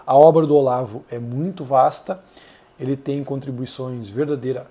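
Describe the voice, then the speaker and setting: A Brazilian man hosting a channel, giving earnest, measured solo commentary with frequent hesitations. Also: mid-range voice, steady tone, warm tone. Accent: Brazilian Portuguese. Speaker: channel host reviewing an essay.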